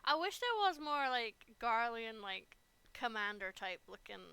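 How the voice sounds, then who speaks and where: A playful, excitable woman streaming a game, giving casual commentary and reading lines aloud. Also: on the high side, a little slow, smooth.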